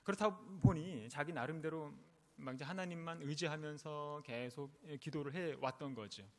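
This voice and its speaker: A man's voice: fairly high pitch, normal speed. A male pastor delivers a sermon in a slightly raised voice, telling stories earnestly and lifting hard on his key points. His words ring out with a long reverb, as if from a large church sanctuary. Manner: earnest storytelling with emphatic rising stresses.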